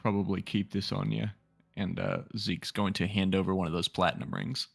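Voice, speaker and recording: Gravelly, hesitant young male player. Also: low-pitched, flat delivery, brisk, dry recording, soft background music. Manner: hesitant, many fillers. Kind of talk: tabletop game play.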